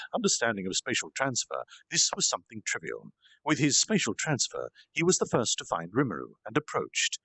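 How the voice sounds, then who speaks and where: A man with a medium-pitched, fairly bright voice reads a fantasy story aloud as an informal storytime streamer, narrating in an animated, amateur way from a reading chair at home. The audio is poor, though there is no echo.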